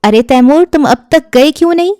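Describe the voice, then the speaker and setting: A woman's voice: high-pitched, expressive, darkish tone, no room sound, studio quality, pitched above the performer's own voice. A woman doing a bossy, scolding older aunt. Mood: surprised.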